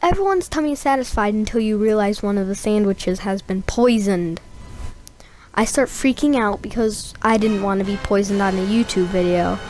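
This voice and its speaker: A woman's voice: mid-range voice, normal speed, a little mellow, faint music behind. A young woman giving a casual, rambling voice-over of her gameplay, full of fillers and asides. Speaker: gameplay narrator.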